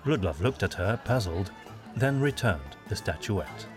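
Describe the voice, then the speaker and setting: A man reading a fantasy audiobook in a measured storytelling manner. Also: low-pitched, very animated, music in the background, a crowd in the background. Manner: measured storytelling, doing all the voices. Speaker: narrator. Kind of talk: scripted audiobook narration.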